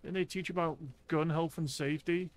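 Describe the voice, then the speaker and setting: A man giving casual live gameplay commentary with a friend, monotone and deadpan, swearing as he jokes. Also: on the high side, brisk. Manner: monotone, deadpan, profane joking. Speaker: video game streamer. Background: zombie game sounds.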